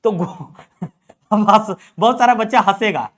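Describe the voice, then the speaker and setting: A young male teacher runs an exam prep lesson in a very high voice. He drills vocabulary by asking his students questions and answering them himself, over and over. He calls his students "my children" as he goes. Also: takes it slowly, fairly bright tone. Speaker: English teacher.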